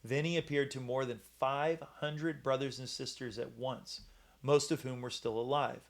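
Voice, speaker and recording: Halting man giving a Bible talk. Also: medium pitch, fairly even intonation, vocal fry. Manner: halting, many fillers and restarts. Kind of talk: casual Bible teaching talk.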